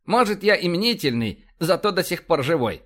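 A male narrator voicing a hot-tempered, swearing male police vice-admiral who yelps and shouts. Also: sing-song, normal speed. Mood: agitated. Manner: shrill, yelping, loud.

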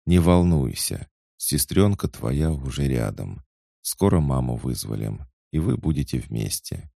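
A man voicing a gentle, caring young woman who speaks in a soothing, reassuring way. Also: extremely low pitch, big pitch swings, a little slow, gravelly, no room sound, studio quality, full character voice.

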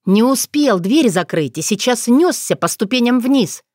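A woman narrating an audiobook in an expressive storytelling manner. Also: fairly high pitch, measured pace, no room sound. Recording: dry close recording.

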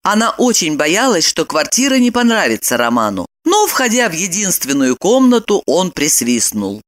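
A woman narrating an audiobook in an expressive storytelling voice. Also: fairly low pitch, normal speed. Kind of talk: scripted narration.

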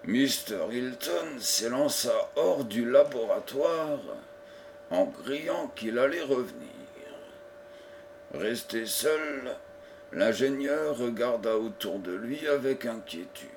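A man reading a novel aloud as an audiobook narrator, measured and deliberate. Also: medium pitch, lively intonation, slight background noise. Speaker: audiobook reader.

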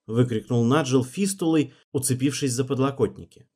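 A man narrating a fantasy audiobook in a steady, measured reading voice. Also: medium pitch.

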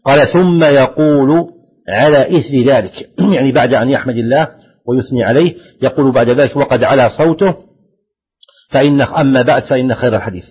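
A man teaching an Islamic lesson as a sheikh. He reads phrases from a text aloud and then explains each one slowly and deliberately, putting stress on the quoted words. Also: medium pitch, breathy edge. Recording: dull lo-fi lecture recording.

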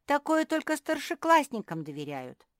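A woman voicing a loud, bossy young female pug who teases and shouts in a shrill voice for a storybook reading. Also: big pitch swings, normal speed, no room sound, clean studio sound. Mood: teasing.

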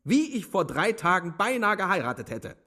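Male actor as a condescending young officer, high-pitched, haughty, for a radio play. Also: big pitch swings, moderate pace, pushed and bright, heavily acted. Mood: commanding. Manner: haughty and disdainful.

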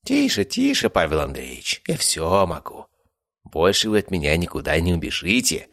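A man's voice: sits low, huge pitch swings, normal speed, creaky, a bit bright, dry recording, clean studio sound, full character voice. A man playing a cruel male interrogator villain with a gloating, mocking manner in an audiobook.

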